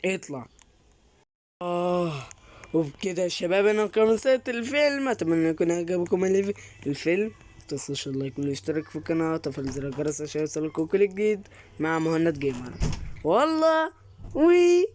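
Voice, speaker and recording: A man's voice: high voice, lively intonation, quick pace, darkish tone, a little hiss or hum. Man, Egyptian accent, gaming host, horror game narration, jumpy, yelps when startled. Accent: Egyptian Arabic.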